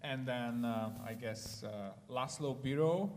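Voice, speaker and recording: A guest speaker with a Hungarian accent, raised in Ukraine, shares his testimony at a church, hesitating often and using many fillers. His medium-pitched voice is slow and a little mellow. The church hall sounds large, with a little hiss or hum.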